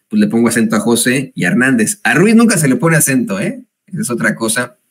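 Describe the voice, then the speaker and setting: A man's voice: medium pitch, a bit bright, breathy edge. A Mexican-accented man hosts a commentary show with a mid-range voice. He reads the news aloud and breaks in with sarcastic, chatty remarks. His speech is full of hesitations. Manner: frequent hesitations and laughs. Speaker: host.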